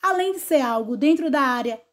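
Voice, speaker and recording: A Brazilian woman teaching a recorded online lesson, her voice sitting high. She explains each point patiently and keeps checking in with her students through little tag questions. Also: lively intonation, a little fast. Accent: Brazilian Portuguese. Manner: didactic, frequent tag questions. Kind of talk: online class lecture.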